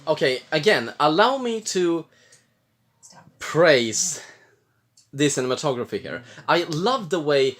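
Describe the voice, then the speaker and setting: Man, drunk, very animated pitch, halting then blurting, casual film commentary. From Jämtland, Sweden. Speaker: film reaction host. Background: film soundtrack, faint music.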